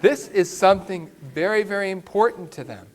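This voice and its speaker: A man's voice: high-pitched, animated, normal speed, a faint crowd. A man, a priest, telling a story in a sermon with an emphatic way of speaking.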